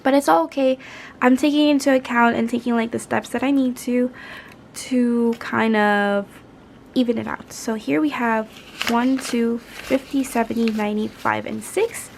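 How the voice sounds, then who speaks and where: A woman's voice: fairly high pitch, fairly even intonation, moderate pace. A woman talking casually to her viewers in an informal, rambling, chatty way, as a vlogger. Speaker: YouTube budgeting vlogger. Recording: clear background noise.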